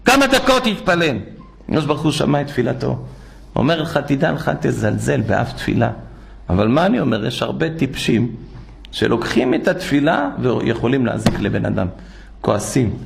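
A man's voice: medium pitch, vocal fry, a little hiss or hum. An older man, a rabbi, preaching a sermon and telling stories, acting out the people he quotes. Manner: animated, acts out quoted speech. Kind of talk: sermon with storytelling.

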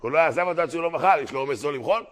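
A rabbi with a slightly high voice teaches an animated Torah class in a hall before a live audience, erupting into loud exclamations. He closes by rallying donations in brisk patter like an auctioneer.

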